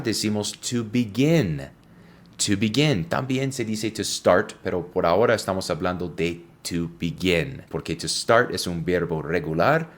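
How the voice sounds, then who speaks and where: Deep-voiced American man teaching slowly. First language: English. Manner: spells words letter by letter and repeats examples slowly. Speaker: English teacher. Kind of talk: slow, clear language lesson.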